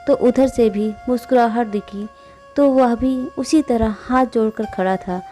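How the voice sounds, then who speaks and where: A woman hosting a devotional channel, narrating a folk tale in a gentle, steady storytelling manner. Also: on the high side, unhurried, faint music behind.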